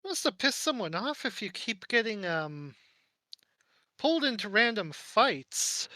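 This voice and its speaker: A man's voice: sits high, big pitch swings, unhurried, pushed and bright, no room sound. A man playing in a tabletop game, speaking hesitantly and thoughtfully. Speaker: player. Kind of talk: casual chat during a tabletop game.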